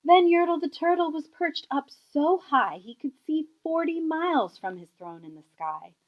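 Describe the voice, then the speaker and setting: A woman narrates a children's storybook in rhythmic verse. Her voice is high and very lively in its rise and fall, captured on a slightly muffled, lo-fi recording. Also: moderate pace. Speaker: storybook reader.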